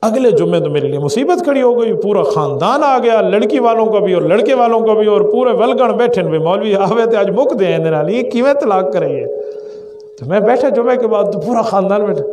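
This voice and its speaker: A man's voice: sits high, expressive, darkish tone. A man preaching a sermon as a mufti, telling anecdotes and asking rhetorical questions. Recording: echoey hall reverb.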